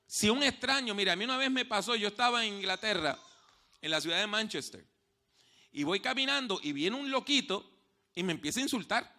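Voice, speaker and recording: A male pastor delivers a sermon in a high, piercingly bright voice. He moves between soft, hushed moments and loud, raised passages. He slows down to repeat his main points with weight. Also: lively intonation. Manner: storytelling preacher, swings from hushed to loud; repeats key phrases slowly for emphasis. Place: church.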